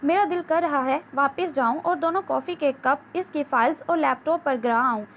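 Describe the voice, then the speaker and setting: A woman reading the part of a defiant, angry young wife in an audiobook novel, with a sharp, scolding delivery. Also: high voice. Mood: fuming. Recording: dull lo-fi with faint hiss.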